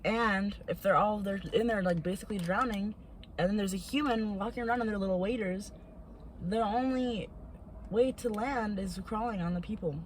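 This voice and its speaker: A woman's voice: medium pitch, moderate pace, slight background noise, rough recording. Blunt young woman retelling viral clips. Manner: blunt, laughing retellings of online videos. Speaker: podcast co-host. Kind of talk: casual chat.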